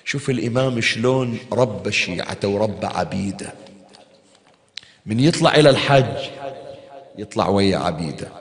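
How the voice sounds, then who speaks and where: A man's voice: fairly low pitch, animated, normal speed, pauses often. A man preaching in a mourning hall, telling a story with feeling and throwing rhetorical questions at his listeners. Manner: emotive storyteller, asks the crowd rhetorical questions. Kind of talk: Shia mourning sermon storytelling. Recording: long hall reverb.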